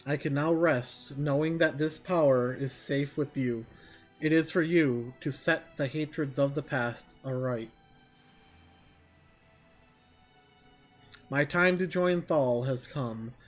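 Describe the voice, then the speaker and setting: A man's voice: medium pitch, measured pace, soft background music, lightly acted. Man playing a solemn, remorseful old mage. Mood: weary, relieved. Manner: grave, formal archaic confession. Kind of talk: reading game dialogue aloud in character.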